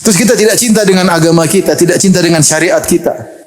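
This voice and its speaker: A man's voice: sits high, quick pace. A middle-aged man preaching a sermon to a lecture-hall audience, telling stories with jokes and laughter. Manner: lively storytelling with jokes and laughter.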